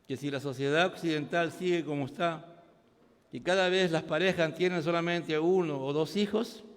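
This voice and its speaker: A man with a Peruvian Spanish accent, a pastor preaching a sermon, moving from quiet storytelling to shouted preaching in a church. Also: fairly high pitch. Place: church hall. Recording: long hall reverb.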